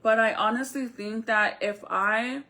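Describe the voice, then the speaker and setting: A woman's voice: on the high side, fairly even intonation, measured pace, bright, forceful tone. A woman chatting casually on a live stream as she explains a craft, speaking informally to viewers with a retainer in her mouth. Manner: informal, conversational, addresses viewers directly.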